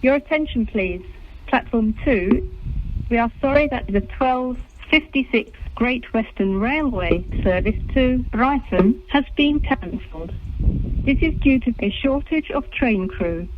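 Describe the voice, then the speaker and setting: A woman giving a formal automated railway announcement over a station loudspeaker after a chime, in measured, evenly spaced phrases. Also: fairly high pitch, animated, lo-fi sound, noisy background. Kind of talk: automated public address announcement.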